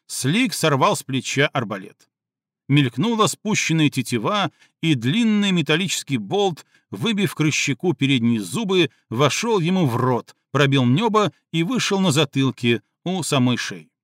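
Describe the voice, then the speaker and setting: A man narrating an audiobook in a dramatic, expressive reading style. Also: a little high, dry recording, clean studio sound.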